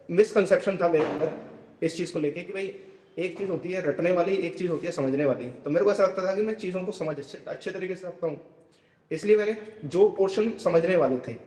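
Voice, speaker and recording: A young man on a video call explains his exam strategy calmly, mixing Hindi and English, and his mic picks up a heavy echo. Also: sits high. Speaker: successful exam candidate answering questions. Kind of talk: online Q&A mentoring. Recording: echoey, reverberant room on a video call.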